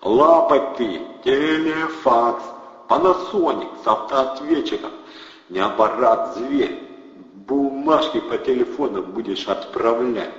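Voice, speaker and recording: A man voicing a loud, brash young male hustler who bellows in slang. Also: medium pitch, expressive, slow pace, reverberant, in a large hall, muffled recording, pitched above the performer's own voice. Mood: boisterous.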